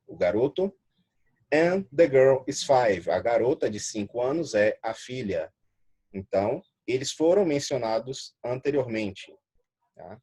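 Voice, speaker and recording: A man teaching an English grammar lesson. His first language is Portuguese, and he reads English examples slowly, then translates and explains them patiently. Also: mid-range voice, darkish tone, slightly rough.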